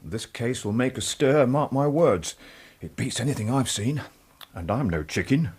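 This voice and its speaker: Husky, self-important English inspector. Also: male voice, mid-range voice, lively intonation, moderate pace, a little mellow. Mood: confident. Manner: pompous, emphatic. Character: self-important, eager male Victorian police inspector. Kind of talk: British radio drama acting.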